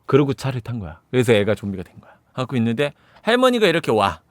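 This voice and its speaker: Animated man recapping a movie. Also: mid-range voice, fast talker, no echo. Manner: animated storytelling with sound effects. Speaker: movie reviewer.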